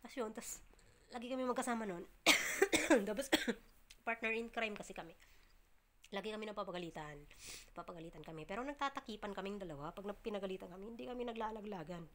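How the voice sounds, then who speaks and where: A woman vlogging casually to her viewers, chatty and full of fillers and restarts, often laughing and breaking off to cough or clear her throat. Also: medium pitch, quick pace, a bit bright, slight background noise. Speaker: vlogger, domestic worker abroad.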